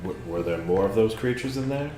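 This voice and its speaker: A man's voice: lowish voice, animated, fairly quick. A man playing a tabletop role-playing game, talking casually in and out of character. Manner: casual, sweary. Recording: roomy echo, faint music behind. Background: faint music.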